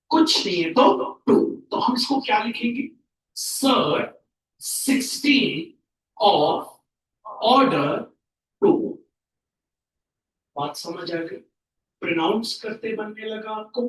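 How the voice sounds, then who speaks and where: A male tutor teaching a math class, speaking slowly and repeating key terms for his pupils, with a mix. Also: sits high, fairly bright tone, slight background noise. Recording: roomy classroom, mic at a distance.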